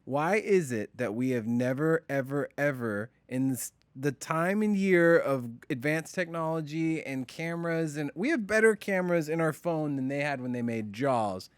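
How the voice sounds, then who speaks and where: A man's voice: on the high side, animated, moderate pace, hardly any pauses, smooth, no echo. A young man co-hosting a podcast, joking in a sarcastic, playful way and spinning mock conspiracy theories. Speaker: podcast co-host. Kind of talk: casual joking banter.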